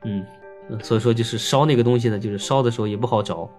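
A man's voice: medium pitch, rapid-fire, soft background music. A man telling a ghost story in a chatty, casual way, full of fillers. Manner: chatty, filler-heavy, lively.

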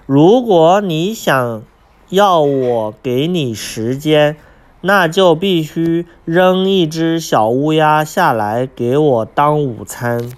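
A man's voice: a little high, slow. A man voicing a cruel, sly male fox who threatens in a storybook reading. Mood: menacing. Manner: menacing, threatening.

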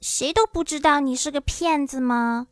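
Woman playing a wide-eyed young girl in a storybook; keep it high and curious. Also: normal speed, no room sound, clean studio sound, lightly acted. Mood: puzzled. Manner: high, wondering questions. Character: young girl, earnest and surprised.

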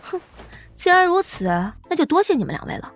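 A man voicing a fierce, sharp-tongued young woman fighter who talks down to thugs with scorn. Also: very high-pitched, very animated, brisk, soft background music, pitched above the performer's own voice, heavily acted. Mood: mocking. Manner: scornful, bossy.

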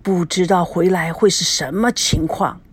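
A woman voicing a sorrowful elder brother in old age, speaking low and hushed. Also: fairly even intonation, normal speed, noisy background, close to an everyday voice.

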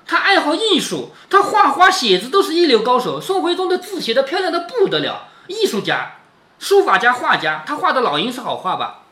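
A man's voice: very high-pitched, wildly swooping pitch, brisk, bright, forceful tone. A man reading a classic novel aloud and explaining it in a chatty way, often checking in with the listener. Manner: chatty, keeps asking "right?". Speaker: book reader and commentator.

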